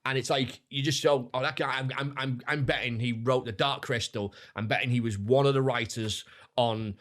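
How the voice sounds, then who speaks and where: A man's voice: medium pitch, steady tone, moderate pace, a bit bright. A British man on a comedy podcast, rambling through a film's plot and acting out the characters' lines. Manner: rambling, acts out scenes in quoted voices. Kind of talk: casual comedic chat.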